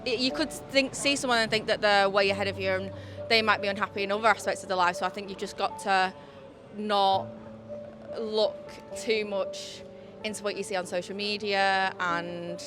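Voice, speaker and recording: A woman's voice: mid-range voice, steady tone, normal speed, music in the background. A woman of twenty-five, speaking earnestly and reflectively in a street interview. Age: 20s.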